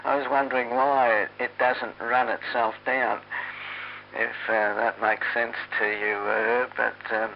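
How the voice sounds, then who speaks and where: A man with a low, very flat voice talks haltingly over amateur radio. His phrases come in hesitant pieces with long gaps, as casual on-air operator chat. The sound is dull and lo-fi, like a radio transmission. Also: creaky. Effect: heard over amateur radio transmission. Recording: dull lo-fi radio, hum and hiss.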